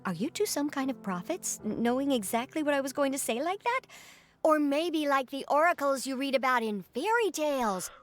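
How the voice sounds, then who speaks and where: A woman's voice: high voice, lively intonation, a little fast, soft background music. A woman voicing a fussy, self-important female fishing guild representative in a video game, who dithers and keeps repeating her title.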